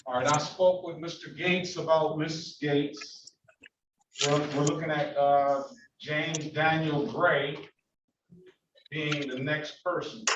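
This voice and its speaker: A man presiding as judge over a virtual court hearing, halting and repeating himself as he fires off blunt questions. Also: on the high side, steady tone. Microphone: video call. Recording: echoey, distant, dull, noisy.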